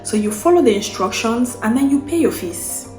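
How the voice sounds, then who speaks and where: A woman's voice: on the high side, animated, moderate pace, a little mellow, reverberant, soft background music. A young Cameroonian woman, a vlogger, explaining a process in casual unscripted talk, often restarting and repeating phrases as she goes.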